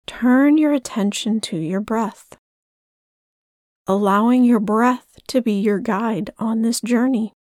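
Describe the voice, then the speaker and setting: A woman leading a guided breathing meditation in a soft, soothing way. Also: fairly high pitch, slow pace, no echo, clean studio sound.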